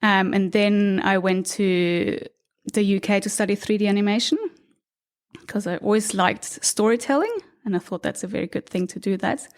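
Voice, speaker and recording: As a guest on a podcast taped inside an apartment, a woman in her thirties from Austria talks reflectively in a laid-back, conversational interview. She speaks at normal speed in a medium-pitched voice, now and then letting out a light laugh.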